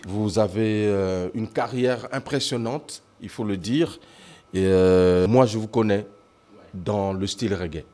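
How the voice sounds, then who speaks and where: Formal TV host, low-voiced man. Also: unhurried, dark tone. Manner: formal, addresses the audience, many hesitant fillers. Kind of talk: studio interview.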